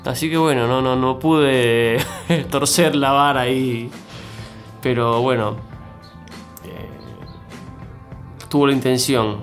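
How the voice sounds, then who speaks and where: Speaking slowly in a steady, medium-pitched voice and pausing often, a middle-aged man from Cuba is an interview guest in a conversational exchange. His accent blends Cuban and Argentine, and he uses many fillers and restarts. Faint music plays in the background.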